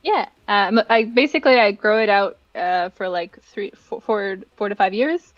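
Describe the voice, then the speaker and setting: A young adult woman, an event director and dancer, appears as a livestream guest, chatting casually and giggling as she rambles through personal stories. Her voice is mid-range at a moderate pace, recorded with no echo and dull audio.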